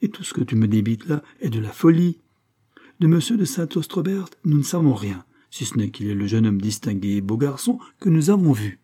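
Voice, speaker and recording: Man reading a strict old-school dad laying out his reasons, husky mellow voice, audiobook. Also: medium pitch, very animated. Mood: firm. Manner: measured, lecturing, firm. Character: stern, reasoning middle-aged merchant father.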